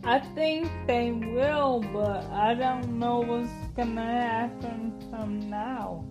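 A woman's voice: a little high, steady tone, slow pace. A woman guest in a casual chat, answering briefly and plainly. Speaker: interview guest, the host's sister. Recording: music playing behind the voice. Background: plucked guitar music.

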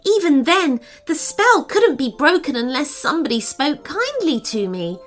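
A woman voicing a young girl princess freed from a spell, speaking in a high, tender tone. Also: big pitch swings, normal speed, soft background music. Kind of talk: storybook character reading.

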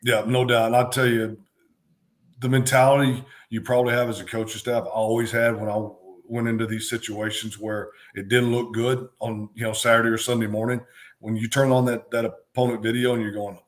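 A middle-aged man, a former football coach, co-hosting a sports talk show, talking in a halting way with many ums and restarts. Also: lowish voice.

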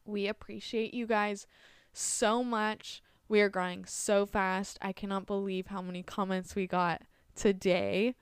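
A woman's voice: medium pitch, little pitch movement, measured pace, clean tone, no echo, studio quality. A woman hosting a podcast, closing an episode in a friendly, chatty way with fillers. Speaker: podcast host. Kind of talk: casual podcast sign-off.

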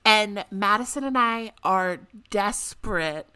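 A young woman co-hosts a casual podcast with a sharp, bright tone. She talks in an excitable, chatty way and laughs easily. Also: mid-range voice, slow, clean tone. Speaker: podcast co-host. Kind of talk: casual chat.

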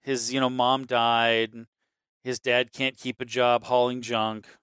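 Dude rambling about a movie, swears a lot, mid voice, dry sound. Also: male voice, mid-range voice, slow, clean tone, no room sound. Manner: rambling, profane, animated storytelling. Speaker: podcast co-host. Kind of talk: casual movie chat.

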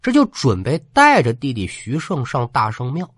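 A man telling a ghost folk tale in an animated, colloquial way, speaking straight to the listener. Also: medium pitch, moderate pace, husky, no room sound, clean studio sound. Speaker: storyteller. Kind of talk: spoken folk-tale storytelling for a ghost-story podcast.

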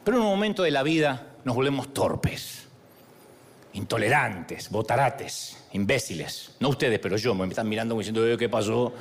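A man's voice: medium pitch, sing-song, normal speed, slightly rough. A man with an Argentine accent giving a humorous, sermon-style talk, telling stories in a playful, self-mocking way. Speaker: motivational speaker.

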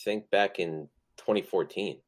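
A man's voice: low voice, measured pace. A man co-hosting a podcast in casual chat, with a joking, irreverent way of talking. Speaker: podcast co-host.

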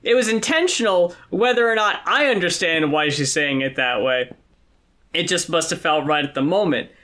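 A man's voice: fairly high pitch, animated, moderate pace, pushed and bright. A man co-hosting an album review podcast in casual chat, easygoing, laughing and swearing casually.

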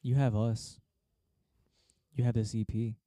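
A man's voice: medium pitch, level tone, unhurried, mellow, no room sound, clean studio sound. A young man co-hosting a casual chat, joking and teasing his friends. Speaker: podcast co-host.

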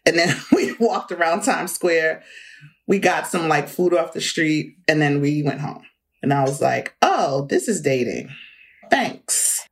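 A middle-aged woman guest telling animated personal anecdotes in casual conversation, laughing often. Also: deep voice, a little slow. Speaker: interview guest, author. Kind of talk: conversational storytelling.

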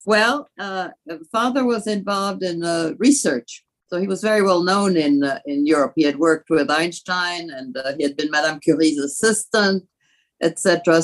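A woman in her eighties from France, recounting family history as a guest in a measured way with frequent hesitant pauses. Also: on the low side, low-quality recording. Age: 80s. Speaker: guest, grandmother.

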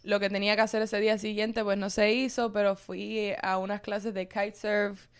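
A young woman telling a story in casual chat, animated and switching into English. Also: medium pitch, moderate pace, clean tone. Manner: animated, mixes English into Spanish.

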